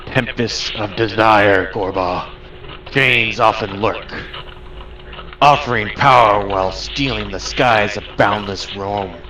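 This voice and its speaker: A man plays a storm giant spirit in a tabletop game, solemn and portentous. The delivery is very slow and fairly low, as cryptic warnings are handed down. The microphone sounds distant. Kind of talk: tabletop game role-play.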